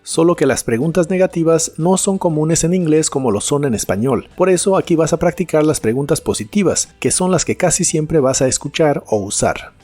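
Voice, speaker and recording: A man narrating a scripted English lesson, slowing down to repeat each English word carefully for pronunciation. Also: fairly high pitch, expressive. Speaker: English teacher. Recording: soft music behind the voice.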